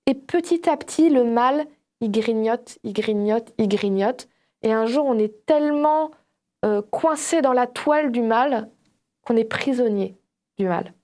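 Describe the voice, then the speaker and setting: Her voice sits a little high and moves at an unhurried pace. She's a panelist in a relaxed Bible discussion on a religious show, telling stories with animation and voicing imagined quotes to illustrate her points.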